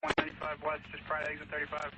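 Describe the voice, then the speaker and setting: A man's voice: a little high, monotone, rapid-fire. A man giving clipped emergency traffic over a two-way radio. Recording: very noisy, dull radio from vehicle.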